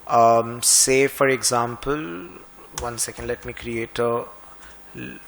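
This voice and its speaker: A male trainer in finance and Excel, Indian English accent, guides a screen-recorded software lesson in a fast, casual manner tinged with sarcasm. His gravelly voice is medium in pitch with fairly even intonation, and there is slight background noise.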